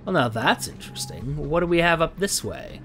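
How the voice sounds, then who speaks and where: A game streamer, male, talks through a space exploration game with a fairly high, expressive voice, going a little fast with a sharp edge over soft background music. He thinks aloud, hums often, and reads the game's text out loud. His voice sounds a little strained because he is losing it.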